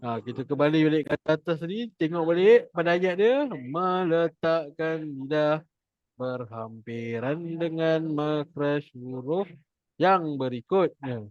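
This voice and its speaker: A male Quran recitation teacher with a Malaysian Malay accent, speaking at an unhurried, deliberate pace in a fairly high voice. He demonstrates each sound again and again for his class. The audio is dry and somewhat dull, like a lo-fi call. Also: expressive, a little mellow, no room sound. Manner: demonstrates pronunciation slowly and repeatedly. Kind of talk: online class instruction.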